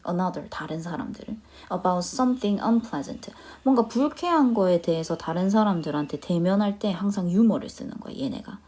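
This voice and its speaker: A young adult woman teaching an online lecture, reading phrases slowly and explaining them quickly with frequent checking questions. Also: mid-range voice, dark tone. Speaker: English teacher.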